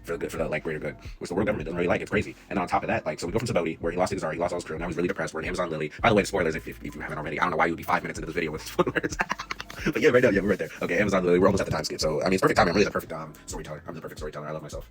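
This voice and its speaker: Sped-up low-voiced young man rambling. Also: rapid-fire. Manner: slangy, rambling, self-interrupting. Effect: sped up to double speed. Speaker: anime commentary vlogger. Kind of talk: casual rambling monologue. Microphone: phone held in hand.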